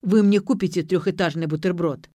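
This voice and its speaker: Woman voicing muddled drunk dad, meek and childlike, slow, lowish voice, dry close sound. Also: dark tone, dry recording, lightly acted. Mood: dazed. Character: dim-witted middle-aged alcoholic father, meek.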